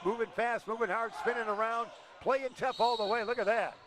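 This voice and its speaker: An older man calling high school basketball play-by-play with rapid, excited calls and chatty asides in a school gym. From Illinois. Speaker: play-by-play announcer.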